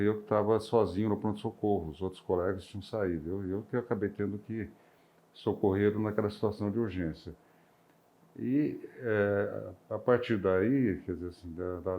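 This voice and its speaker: Recalling his past in a reflective, halting way, this older retired doctor has a deep, low male voice and a rural accent from the São Paulo interior near Minas Gerais, where he comes from. He hesitates, frequently restarts, and fills gaps with sounds, and the audio is slightly muffled.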